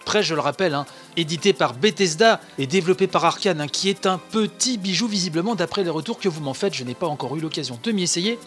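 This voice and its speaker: A man's voice: on the high side, animated, fast talker, a bit bright, soft background music. A man hosting a video game news podcast, reading out articles with frequent asides and the filler "hein". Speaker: podcast host.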